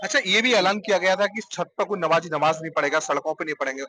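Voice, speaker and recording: A man's voice: high-pitched, poor audio. A male television reporter doing a field report and interviewing worshippers outside a mosque. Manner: brisk, with steady listening hums.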